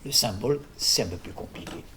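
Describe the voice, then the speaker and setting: A man's voice: on the low side, lively intonation, brisk, a bit bright, a little hiss or hum. A man lecturing on philosophy in an informal workshop, digressing with jokes and questions to his audience.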